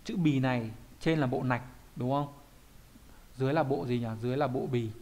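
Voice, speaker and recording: Guy teaching japanese, mid pitch, quizzes himself as he goes. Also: a little fast, a little mellow. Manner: poses quiz questions and answers them himself. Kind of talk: explaining an online kanji lesson.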